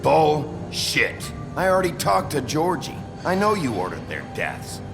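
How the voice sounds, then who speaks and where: An actor playing a gruff, short-tempered fairytale wolf lawman with a gravelly voice, blunt, threatening and sardonic in a hard-boiled game. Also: fairly high pitch, huge pitch swings, a little slow, exaggerated voice. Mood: angry. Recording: music behind the voice.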